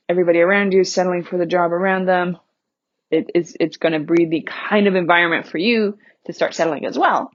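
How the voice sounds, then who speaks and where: Candid woman podcast host, lo-fi sound. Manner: candid and conversational, laughing now and then, with a lot of pitch movement. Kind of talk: personal storytelling podcast.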